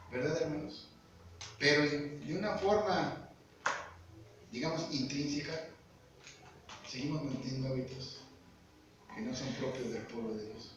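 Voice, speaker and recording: A man's voice: on the high side, dull audio. Man preaching in an echoey hall. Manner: earnest, asks the congregation questions. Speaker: lay preacher. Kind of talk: sermon. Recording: echoey hall, far-off mic, background noise.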